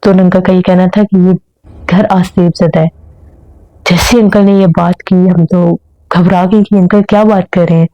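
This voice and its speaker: A woman's voice: on the low side, fairly even intonation, moderate pace, no echo, muffled recording. A woman telling a first-person horror story in an earnest storytelling manner.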